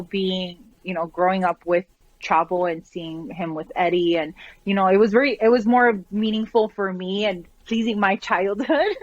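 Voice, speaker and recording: A woman guest on a podcast, speaking in a mid-pitched voice. She answers in a relaxed, thoughtful way with plenty of fillers. A faint hiss sits under her voice. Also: low-quality recording. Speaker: podcast guest, wrestling content creator. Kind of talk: casual interview.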